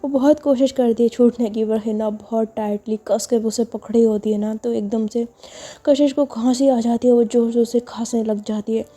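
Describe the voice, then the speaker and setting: A woman with a slightly high, mellow, steady voice tells a love story at a moderate pace. Her narration is chatty and casual, repetitive, and full of fillers.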